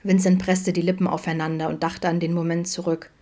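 A woman narrates an audiobook in a low, settled voice. She tells the story calmly and evenly and keeps the dialogue quiet. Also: a little fast. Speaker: audiobook reader. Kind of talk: scripted narration of a fan fiction audiobook.

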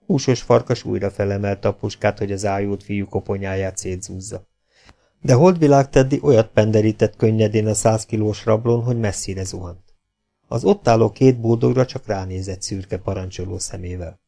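Egy férfi, aki egy kalandregényt olvas fel hangoskönyvként, egyenletes, kimért mesélő stílusban. Hangja mély, sötét tónusú és kissé recsegő. Nyugodt, folyamatos elbeszélés. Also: male voice, lowish voice, creaky. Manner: steady, even storytelling. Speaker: audiobook narrator. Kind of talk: audiobook reading of an adventure novel.

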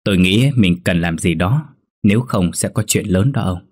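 A man's voice: low-pitched, normal speed, a little mellow. A man voicing a fearful, deferential older steward who speaks hesitantly and humbly.

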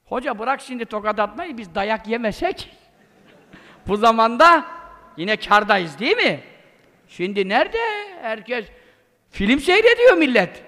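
A male preacher with a very high, bright voice gives an informal religious talk, and he sounds emphatic and scolding. His blunt colloquial outbursts ring out with a long reverb trailing behind them. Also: big pitch swings, measured pace, long pauses.

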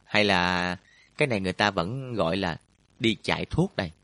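Guy doing a sly teasing older schoolgirl, kinda low. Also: animated, a little fast, pushed and bright, no echo, full character voice. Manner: playful, knowing teasing. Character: teasing senior schoolgirl youth leader, sharp.

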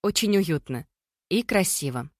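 A reader voicing a secretive young woman who answers softly and evasively, in a dry recording. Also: lowish voice, lively intonation, a little slow, dry recording.

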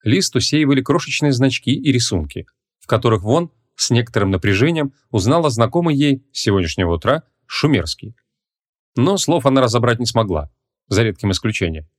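A man narrating a comic fantasy audiobook in a lively, expressive storytelling manner. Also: mid-range voice, a little fast. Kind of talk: scripted narration.

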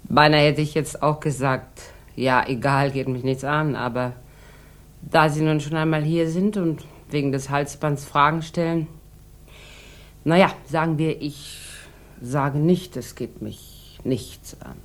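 An actress portrays a jaded, hard-drinking, sharp-tongued woman in a 1960s German radio crime drama, ironic and languid in manner. Her voice sits low and moves a little slowly, sounding amused yet guarded.

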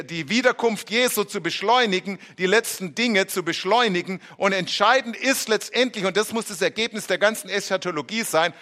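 A man preaches with a German accent, his voice high and ringing. He drives his points home with rhetorical questions and short dramatized quotes. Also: a bit bright. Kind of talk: sermon.

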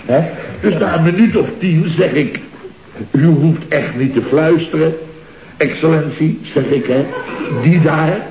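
An actor playing a chatty, boastful boss of a construction firm in a 1960s radio comedy, talking in rambling, jovial asides. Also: male voice, fairly high pitch, unhurried, darkish tone. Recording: dull, roomy old radio recording.

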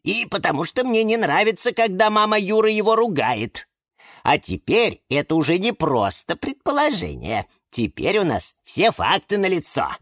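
A man voicing a fussy, excitable male lemon houseplant who turns shrill when upset, in a children's storybook. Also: normal speed, dry recording, clean studio sound, heavily acted.

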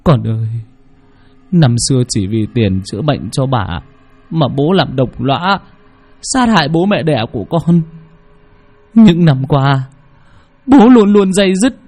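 A man's voice: fairly high pitch, expressive, a little slow, long pauses, a little mellow, voice pushed up. A man playing a guilt-ridden middle-aged father who pleads in anguish in a horror story. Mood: anguished pleading.

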